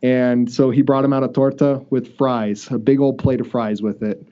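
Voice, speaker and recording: A man's voice: medium pitch, little pitch movement, moderate pace. A man hosting a casual podcast chat, rambling and chatty with many restarts. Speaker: podcast host. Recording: dull lo-fi audio.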